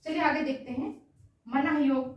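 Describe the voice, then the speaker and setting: Woman, high voice, grammar teacher, asks and answers her own questions, very echoey room. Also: normal speed, muffled recording. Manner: asks questions then answers them herself, repeats answers. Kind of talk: exam-prep grammar lesson. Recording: very echoey room, distant mic.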